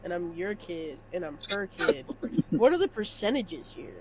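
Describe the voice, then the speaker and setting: A man playing in a tabletop game, joking and animated. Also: high-pitched, moderate pace, a crowd in the background, rough recording. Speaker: player. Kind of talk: casual tabletop play.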